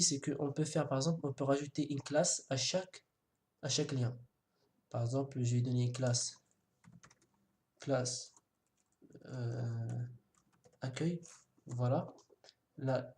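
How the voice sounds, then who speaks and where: A man's voice: mid-range voice, mellow. Man, coding tutorial, casual and hesitant, lots of fillers, self-mocking jokes, keyboard clicks, faint noise. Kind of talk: screen-recorded coding tutorial. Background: keyboard typing and mouse clicks.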